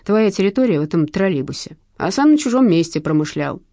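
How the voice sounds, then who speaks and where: Woman reader doing a sly veteran cop, mellow tone, dry and cutting. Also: lowish voice, expressive, brisk, dry recording. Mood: calmly threatening. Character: shrewd older male ex-cop, calm and cunning.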